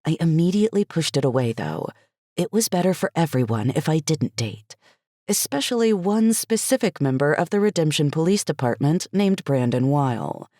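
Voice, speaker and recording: A woman reading a first-person cozy mystery audiobook as an expressive, light storytelling narrator. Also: deep voice, moderate pace, dry recording, clean studio sound.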